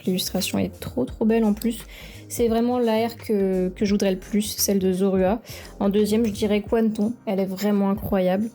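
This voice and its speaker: A woman's voice: mid-range voice, dark tone. Chatty woman opening trading cards. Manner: chatty and enthusiastic, praising each card. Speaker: card-opening video creator. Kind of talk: casual card-opening commentary. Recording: faint background music.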